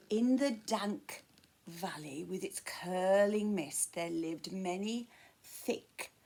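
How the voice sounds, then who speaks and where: A woman reads a children's picture book aloud at a very slow, deliberate pace. Her voice climbs and dips expressively, and she hushes to a whisper to build suspense. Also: lowish voice. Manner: dramatic, dropping to whispers at tense moments. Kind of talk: reading a children's story aloud.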